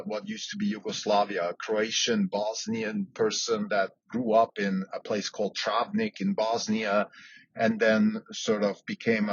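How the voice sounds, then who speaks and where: A man's voice: fairly low pitch, slightly rough, no echo. A man who grew up in Switzerland, hosting a solo podcast and thinking aloud, with frequent fillers and restarts. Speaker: podcast host. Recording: dull lo-fi sound with faint background noise.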